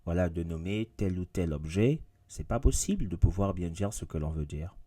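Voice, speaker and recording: An English teacher with a low, mellow voice gives a casual video lesson, speaking directly to his viewers. He is repetitive and emphatic, hammering his points home.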